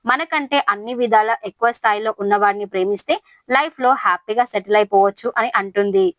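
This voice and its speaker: A woman voicing a curious teenage girl who asks questions calmly. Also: medium pitch, quick pace, dry recording, natural voice. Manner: calm, inquisitive.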